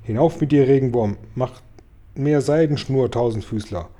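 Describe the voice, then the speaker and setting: Storybook boy hero, read by a man: eager, commanding, slightly raised pitch. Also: normal speed, mellow, natural voice. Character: brave young boy giving orders.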